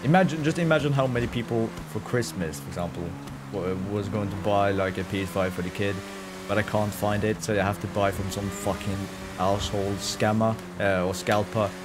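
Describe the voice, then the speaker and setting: Streaming a video game live, this Norwegian-accented man from Norway chats loosely with his viewers, cursing often, in a lowish voice at a fairly quick clip. Music plays in the background alongside game sounds of vehicles.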